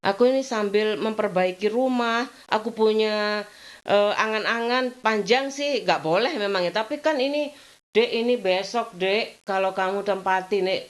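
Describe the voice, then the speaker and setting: A middle-aged woman, chatting at home in a rambling, venting way, her voice jumping up in complaint and sinking to low murmurs. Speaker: vlogger. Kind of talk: casual chat.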